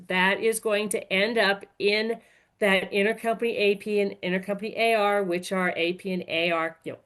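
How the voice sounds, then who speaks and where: A woman with a medium-pitched voice leads an informal, explanatory webinar as a software trainer. She builds her phrasing piece by piece and corrects herself as she goes.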